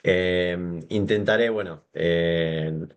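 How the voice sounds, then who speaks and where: Argentine guy in his 40s, a guest on a podcast, kinda low voice, lots of "eh"s and restarts, wanders off topic. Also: very slow, smooth. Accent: Argentine Spanish. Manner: hesitant, many fillers and restarts, digressive. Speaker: guest scholar. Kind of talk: podcast interview.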